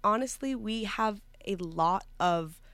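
A woman's voice: medium pitch, slow, fairly bright tone, smooth, no room sound. A young woman from New York, a student guest talking earnestly in a casual interview, with many fillers and restarts. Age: young adult.

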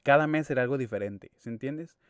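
A man's voice: medium pitch, fairly quick, clear, resonant tone, no echo, studio quality. A young man with a Mexican accent rambling casually in a monologue, slangy and full of swearing. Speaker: podcast host.

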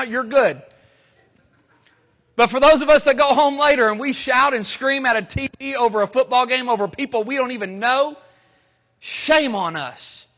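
A pastor in his thirties preaching a sermon, switching between loud shouts and quiet, low asides. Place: church sanctuary. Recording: long reverb of a church hall.

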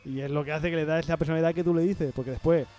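A man with a slightly raised, mellow voice talks through TV series in a relaxed, drawn-out way. He speaks in a casual chat. Faint music sits under his voice. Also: a little high. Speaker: podcast co-host.

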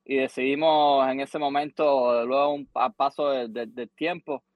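A man's voice: mid-range voice, measured pace, no room sound, dull audio. A middle-aged Cuban man telling a long story on a podcast, repeating words and acting out what people said to him. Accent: Cuban Spanish. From Cuba. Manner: animated, repeats words, acts out quotes. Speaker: guest musician.

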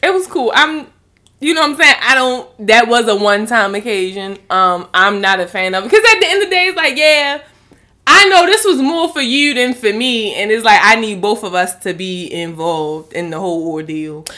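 A woman hosting a podcast in casual, candid, slangy chat, with a tomboyish voice that is a little rough around the edges. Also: a little high, expressive, normal speed, sharp tone. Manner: slangy, informal. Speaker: podcast host.

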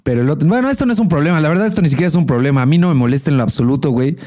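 A man's voice: a little high, animated, rapid-fire, mellow. A young Mexican man co-hosting a podcast, swearing freely and telling stories with animation. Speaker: podcast co-host. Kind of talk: casual crude chat.

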